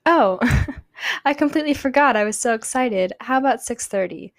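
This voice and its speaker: A woman voicing a cheery, friendly female team member in a storybook-style reading, pitching up a little for her. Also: lively intonation, normal speed, dry recording, clean studio sound. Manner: eager, friendly.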